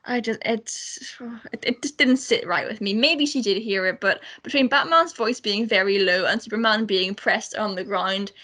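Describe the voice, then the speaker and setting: A woman's voice: mid-range voice, moderate pace, few pauses, bright, forceful tone. Critical, exasperated woman co-host. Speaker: radio show co-host. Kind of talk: casual film discussion.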